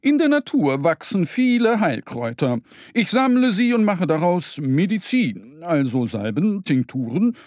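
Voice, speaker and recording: A man's voice: high-pitched, big pitch swings, a little slow, hardly any pauses, a little mellow, no echo, studio quality, voice pushed up. A man voicing an enthusiastic stag pharmacist who explains herbal medicine in a children's story. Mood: hearty. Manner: hearty, explaining.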